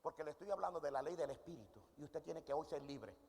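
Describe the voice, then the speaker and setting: This preacher talks fast and expressively, his slightly high voice a little mellow with a breathy edge. He asks the congregation questions during his sermon and answers them himself, and the church hall lends a long reverb.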